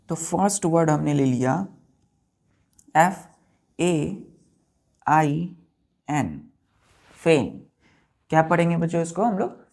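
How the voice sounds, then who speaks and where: A woman's voice: low voice, a little mellow. A woman teaching a vocabulary lesson, addressing students as children and spelling words out letter by letter. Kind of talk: classroom lesson.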